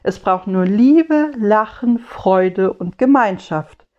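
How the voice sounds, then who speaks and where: Soft earnest little christ child, woman doing it, talks real slow in rhymes, kinda lo-fi sound. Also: mid-range voice, lively intonation. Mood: hopeful. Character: gentle, wistful Christ child, small and patient.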